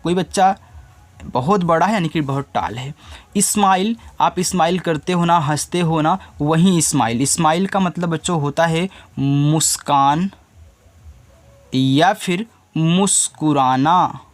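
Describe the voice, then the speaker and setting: A male teacher teaching children, spelling words slowly letter by letter and repeating the answers. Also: on the high side. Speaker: English teacher.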